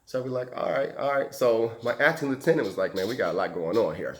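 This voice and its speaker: A man tells a story from his time as a firefighter, jumping into other people's voices as he quotes them. His speaking voice sits at an ordinary middle pitch, and the whole account comes across as loose, casual anecdote telling. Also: fast. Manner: animated, acts out quoted voices and sound effects.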